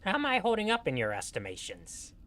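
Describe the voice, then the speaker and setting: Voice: mid-range voice, huge pitch swings, fairly quick, a bit bright, voice pushed up. A player voicing an inquisitive gnome adventurer in a fantasy game, chirpy and eager. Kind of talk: in-character game dialogue.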